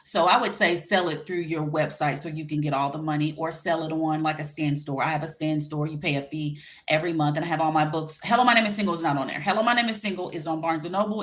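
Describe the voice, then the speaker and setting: A woman's voice: sits low, a bit bright. A woman in her forties chatting casually to viewers as a life coach on a livestream, with a slight lisp from wearing a retainer and an informal, direct way of talking. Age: 40s. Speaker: life coach and YouTube host. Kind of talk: casual livestream chat giving dating advice.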